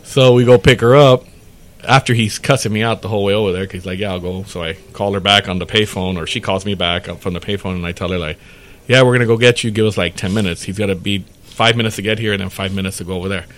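A man's voice: on the low side, fast. A man hosting a podcast, telling a rambling story in casual chat and acting out the dialogue. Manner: rambling, animated storyteller who acts out dialogue. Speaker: podcast host.

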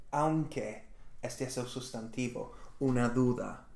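Slow, gravelly male teacher. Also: medium pitch. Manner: patient, encouraging, corrects gently. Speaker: English teacher. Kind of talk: conversational language lesson. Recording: echoey room.

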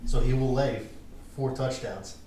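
A man's voice: medium pitch, fairly even intonation, a little slow, mellow, slight background noise. A young man co-hosting a podcast, talking sports in a laid-back way with casual swearing. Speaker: podcast co-host. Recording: echoey room from far off.

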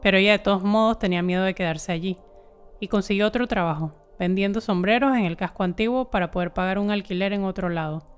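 Woman narrator, smooth clear voice, steady scripted reading, light music behind. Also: medium pitch, fast talker. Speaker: documentary narrator.

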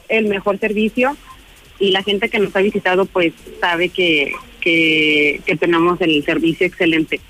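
A woman's voice: mid-range voice, fairly bright tone, low-quality recording. A woman with a Mexican accent giving a conversational radio promotion, explaining an offer in a chatty way. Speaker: restaurant representative promoting an offer.

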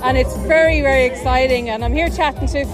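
A woman's voice: sits high, fast, music in the background, a crowd in the background. An Irish woman reporting for local radio at an outdoor Christmas fair, bubbly and enthusiastic as she interviews people. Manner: bubbly and enthusiastic, laughs easily.

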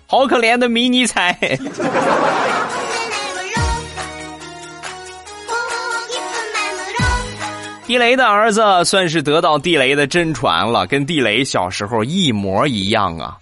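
A man's voice: medium pitch, sing-song, normal speed, pushed and bright, dry recording, faint music behind. A man hosting a comedy show, telling funny stories and switching voices for each character. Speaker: radio comedy host. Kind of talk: comic storytelling.

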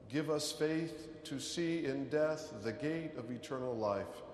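A man's voice: medium pitch, darkish tone. Solemn clergyman praying in cathedral echo. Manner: solemn, measured. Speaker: officiating clergyman. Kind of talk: formal liturgical prayer at a funeral. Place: large cathedral. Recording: cathedral echo, long reverb, background noise.

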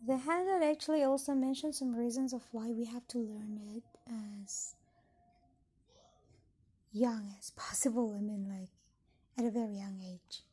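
A young Indonesian woman, a native speaker of Indonesian, talks thoughtfully about learning English on an educational podcast, explaining and reading points from a handout. Her voice is on the high side, dark and slightly rough, at normal speed with long pauses.

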